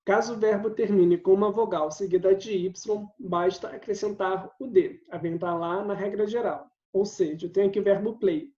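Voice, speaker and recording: A man's voice: high-pitched, fairly even intonation, moderate pace, hardly any pauses, dark tone. A man, an English teacher giving a recorded video lesson, explaining patiently step by step and often checking in with his listeners. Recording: roomy, slightly dull sound.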